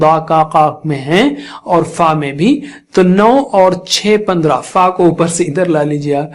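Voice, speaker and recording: A man teaching Quran recitation rules in a patient, step-by-step lesson, slowly demonstrating and repeating each sound, with a Pakistani Urdu accent. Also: high-pitched.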